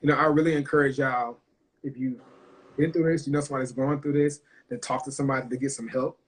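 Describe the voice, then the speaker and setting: A man's voice: mid-range voice, fairly even intonation, fast, poor audio. A man hosting a heartfelt livestream talk, speaking earnestly and emphatically, swearing freely and emotional. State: emotional, choked up. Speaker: host.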